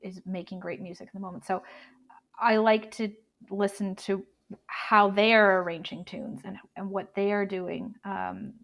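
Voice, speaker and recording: A Canadian woman in her thirties, a bagpiper chatting as an interview guest, halting with many restarts. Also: mid-range voice, flat delivery, vocal fry. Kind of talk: casual interview chat.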